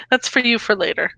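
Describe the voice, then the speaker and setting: A woman's voice: on the high side, vocal fry, sharp tone, no echo. A woman co-hosting a podcast, playful and laughing often in casual chat. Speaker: podcast co-host.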